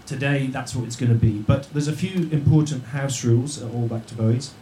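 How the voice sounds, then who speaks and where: Jokey halting man hosting live. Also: mid-range voice, mellow. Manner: jokey, halting, with many restarts and fillers. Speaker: host of a live show. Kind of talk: live stage hosting to an audience. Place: yurt venue with a live audience. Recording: roomy tent echo, faint noise.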